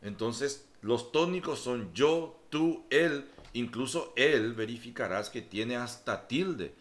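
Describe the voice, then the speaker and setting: A man teaches a grammar lesson at a slow, deliberate pace. His voice swings widely in pitch as he stresses examples. He repeats points patiently and checks in with his listeners. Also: lively intonation.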